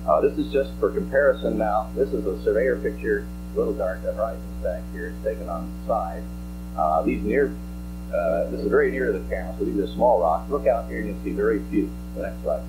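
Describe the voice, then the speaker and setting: A man with a low voice lectures through a slide presentation. He explains technical detail in a halting, deliberate manner, on an archival recording with hum and musical tones underneath. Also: music in the background, rough recording. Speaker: scientist presenting slides at a press briefing. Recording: archival press-conference audio with hum.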